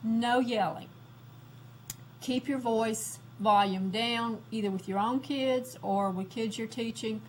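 A woman giving a lecture on classroom discipline, slow and deliberate, repeating her key points. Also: on the high side, slight background noise, rough recording.

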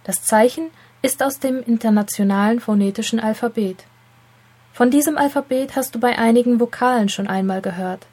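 A woman narrating a scripted lesson, speaking to the learner in a clear, deliberate explaining tone. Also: fairly high pitch, a little mellow. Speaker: teacher.

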